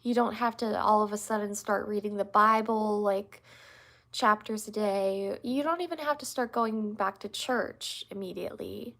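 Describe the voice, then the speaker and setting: A young woman with a mid-range, somewhat bright, creaky voice hosts a livestream at normal speed, a little congested from allergies. She talks casually and earnestly about faith while answering viewers, rambling with many fillers and restarts.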